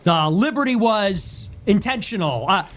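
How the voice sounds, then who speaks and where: A man's voice: high voice, expressive, measured pace, fairly bright tone. A man giving casual political commentary in a rhetorical way, with emphatic repetition.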